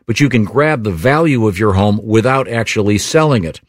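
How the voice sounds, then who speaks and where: A man's voice: on the low side, a little fast, no echo, studio quality. A man hosting a radio talk show, chatting casually and reading an ad with many fillers. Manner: relaxed, stammering with fillers. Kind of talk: casual radio chat and host-read ad.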